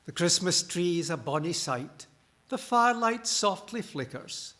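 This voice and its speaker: Man doing a Scottish fairy lass, grumbling and bawdy, high voice, swooping lively delivery. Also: a little slow, exaggerated voice. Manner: bawdy comic complaining. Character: cheeky grumbling female fairy on a tree top.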